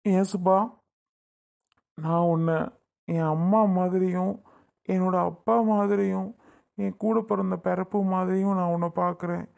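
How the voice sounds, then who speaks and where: A woman's voice: lowish voice, flat delivery, a little slow, vocal fry, pauses often, darkish tone. A woman playing a tearful, pleading elder brother. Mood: hurt pleading. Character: emotional grown man, a doting elder brother. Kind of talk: family comedy skit acting.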